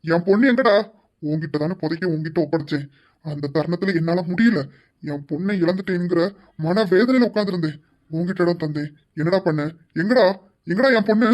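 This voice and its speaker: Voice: mid-range voice, brisk, a little mellow, natural voice. A performer voicing a middle-aged father who accuses an old friend of betraying him and demands to know where his daughter is. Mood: grieving, demanding.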